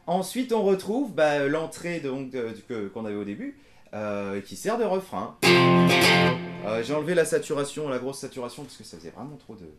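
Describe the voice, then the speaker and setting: A man giving a casual guitar lesson in a small room, talking in a relaxed way and counting beats aloud. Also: mid-range voice, normal speed, echoey room. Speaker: guitar teacher. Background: electric guitar playing.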